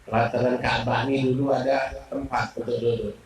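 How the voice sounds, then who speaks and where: A man preaching a sermon with passion, swinging from shouts to hushed tones. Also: medium pitch, flat delivery, a little fast, noisy background. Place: mosque gathering, indoors. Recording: echoey hall from far off.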